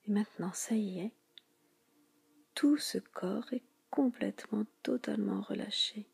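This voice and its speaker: This is a relaxation hypnosis guided by a woman with a medium-pitched voice. She whispers in a calming, spa-like way, breathy and hushed, and her phrasing is slow and repetitive with many pauses.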